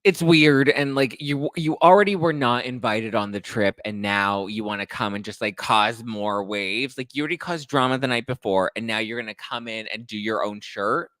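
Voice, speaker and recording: A man's voice: fairly low pitch, normal speed, hardly any pauses, fairly bright tone, dry recording, studio quality. A man hosting a pop culture podcast in an upbeat, teasing, gossipy chat. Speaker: podcast host. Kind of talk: casual chat.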